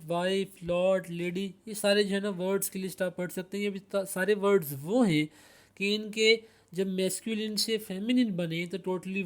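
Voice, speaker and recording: High-voiced man teaching grammar. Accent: Pakistani. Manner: repeats rhetorical questions, lists word pairs. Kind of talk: explanatory lesson.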